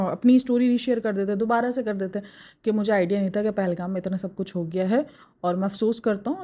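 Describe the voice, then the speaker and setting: A woman's voice: mid-range voice, dark tone. A woman from Pakistan talking in a casual opinion vlog, arguing emphatically and answering her critics directly. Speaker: vlogger reviewing other vloggers.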